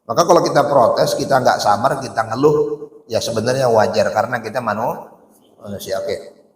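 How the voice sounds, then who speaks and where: An Islamic preacher gives a casual sermon in colloquial speech, telling stories, posing rhetorical questions to listeners, and reciting Arabic. His voice is medium-pitched at normal speed, with a slight hiss or hum and echoey hall reverb.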